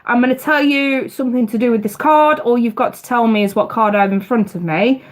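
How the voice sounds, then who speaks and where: Chatty and addressing her audience head-on, a woman hosts a live tarot stream in a casual style, her voice bunged up. Her pitch is a little high and she talks fairly quickly.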